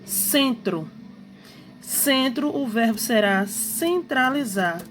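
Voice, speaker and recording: A woman's voice: a little high, expressive, slow. A woman teacher, patiently explaining a grammar lesson, repeating points and checking that students follow.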